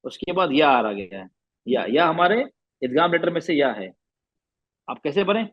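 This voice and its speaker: A man's voice: a little high, very animated, normal speed, dry recording, highs cut off. A man teaching recitation rules to a class, patiently repeating sounds and asking questions.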